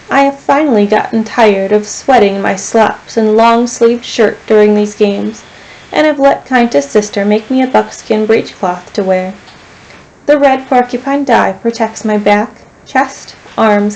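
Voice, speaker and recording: A woman, a teacher, reading a novel aloud to her class in a steady storytelling voice. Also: a little high, poor audio.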